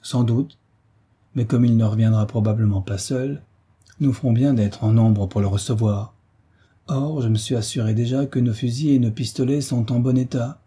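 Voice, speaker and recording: A man voicing a bold, quick-tempered young hero giving orders in an audiobook reading. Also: mid-range voice, fairly even intonation, warm tone, breathy edge. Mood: commanding.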